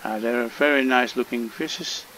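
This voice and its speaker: In a mid-range voice and at a measured pace, a gamer from the Netherlands gives casual commentary on a fishing game tutorial, his Dutch accent clear throughout. He hesitates a lot and uses many fillers, with background noise audible.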